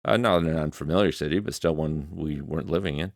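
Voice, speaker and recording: In a quick-paced, deep voice, a middle-aged musician and video creator thinks out loud for a reflective vlog. He's in his home music studio using a desk studio microphone, with no echo on the sound.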